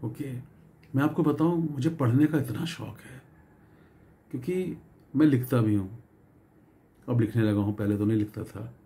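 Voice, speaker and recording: A middle-aged man giving a conversational motivational talk on network marketing, pausing on fillers and repeating phrases as he goes. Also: mid-range voice, dark tone.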